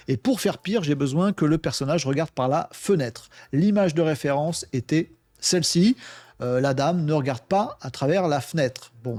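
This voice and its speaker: A man with a slightly high voice talks his way through a casual screen demo, filling pauses with hesitations and quips to himself. The sound is close and dry, with no room around it. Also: a little mellow, no echo. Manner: chatty, thinks aloud, many fillers and self-talk. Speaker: tech video host.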